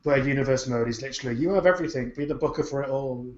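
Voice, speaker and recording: A man's voice: mid-range voice, rapid-fire. A man co-hosting a podcast, rambling in casual chat with plenty of swearing and fillers. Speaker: podcast co-host. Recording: dull, roomy podcast recording.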